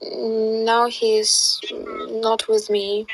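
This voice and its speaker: Woman, soft hesitant replies, video call, bright slightly high voice. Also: little pitch movement, drawn-out words, a little hiss or hum. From Russia. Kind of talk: casual video chat with a stranger.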